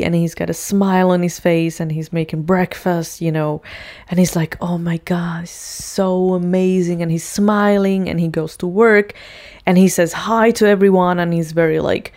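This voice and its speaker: A woman's voice: on the low side, dark tone. A woman casually retelling a TV scene, chatty and full of fillers. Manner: chatty, heavy use of fillers. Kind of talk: casual storytelling.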